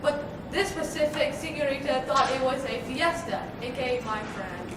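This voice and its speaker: A woman's voice: high voice, moderate pace. A seventh-grade girl presenting as a parody news anchor with scripted lines. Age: young adolescent, about 12 to 13. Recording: noisy, echoey room, distant mic.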